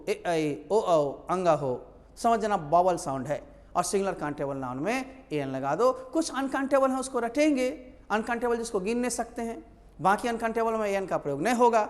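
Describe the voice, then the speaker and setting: A man's voice: high voice, big-room sound. A male teacher, explaining English grammar in a lecture. He asks his own questions and answers them.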